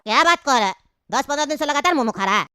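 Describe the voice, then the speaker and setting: A woman playing a steady, explaining man doctor, loud noise behind. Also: high-pitched. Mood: calm. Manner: explaining, measured. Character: calm adult male doctor.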